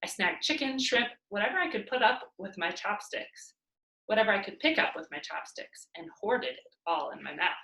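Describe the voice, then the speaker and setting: Reading a children's novel aloud by the fireplace at home, this narrator speaks in a sing-song, mid-range voice that is creaky, pushed and bright. She keeps a moderate pace and an expressive storyteller's delivery. The recording sounds roomy.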